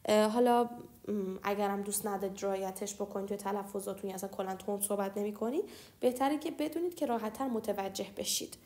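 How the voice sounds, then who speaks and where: A young woman teaching French grammar. She explains patiently and slows down to spell out example phrases. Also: mid-range voice, mellow. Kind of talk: explaining lesson.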